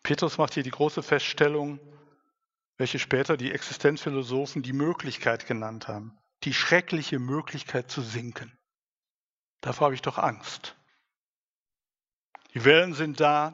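A man's voice: mid-range voice, a bit bright. A man preaching a sermon in an earnest manner, rising to emphatic stresses. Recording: dull sound, long hall reverb.

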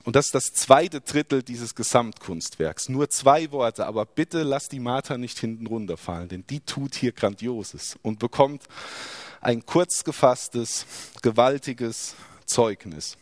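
Lively German-speaking preacher man, dry sound. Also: medium pitch, a little slow, no echo. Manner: lively, rhetorical questions, emphatic drops in voice. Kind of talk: sermon.

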